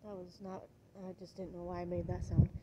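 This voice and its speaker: A woman's voice: lowish voice, level tone, fairly quick, dull audio. A woman chatting casually with hiccups breaking into her talk. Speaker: vlogger. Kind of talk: casual chat. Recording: noisy outdoors with traffic.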